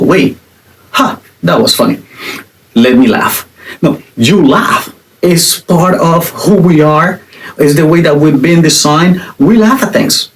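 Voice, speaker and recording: A middle-aged man hosts his own podcast in an unhurried, easygoing monologue about faith. His voice sits a little high for a man, and he takes his time with each phrase, dropping playful jokes along the way. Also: poor audio. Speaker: podcast host. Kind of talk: casual faith-based monologue.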